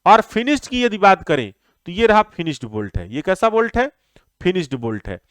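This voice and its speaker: A man's voice: sits high, big pitch swings, fairly quick, a bit bright, clear, resonant tone, no room sound, studio quality. A young man teaching a civil engineering class, repeating key terms and answering his own questions as he explains. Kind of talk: classroom lecture.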